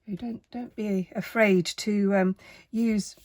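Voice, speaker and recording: A woman in her fifties with a croaky voice, tired and under the weather, giving a casual doodle tutorial in a gentle, rambling, hesitant manner. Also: mid-range voice, steady tone, slow pace. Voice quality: croaky, husky voice. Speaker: artist and art teacher giving a tutorial.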